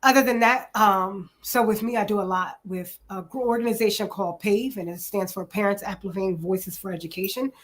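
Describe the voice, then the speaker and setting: Woman, 40s, from New Jersey, relaxed chatty interview guest, lots of ums. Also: medium pitch, brisk, few pauses. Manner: chatty, many ums, says "literally" often. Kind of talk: casual interview self-introduction.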